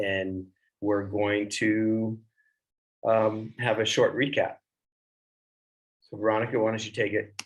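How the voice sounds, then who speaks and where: A man hosting an online meeting, measured and relaxed, introducing the next speaker. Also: fairly low pitch, rough recording. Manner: relaxed, clears throat, measured. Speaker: meeting host.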